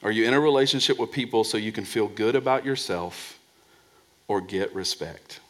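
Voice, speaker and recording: A male pastor preaches at a moderate pace, pressing his points and dropping to a soft, low voice on key words. He often repeats words as he restarts his sentences.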